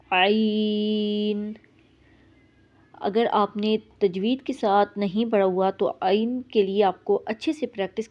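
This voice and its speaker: A woman teaching a beginner tajweed lesson. She explains in a plain way and draws out each letter sound slowly. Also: medium pitch, lo-fi sound. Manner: slow drawn-out letter demonstrations between plain explanations.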